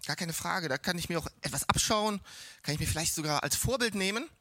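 A man preaching a sermon in a church, telling stories in a lively way and acting out the people he quotes. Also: high-pitched, fast talker, dry recording. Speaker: pastor.

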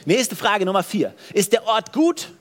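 A man with a high voice preaches a sermon in a church. He throws questions out to his listeners and often restarts or repeats words. His phrases tend to sink to a soft, low finish. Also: very animated, measured pace. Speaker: pastor.

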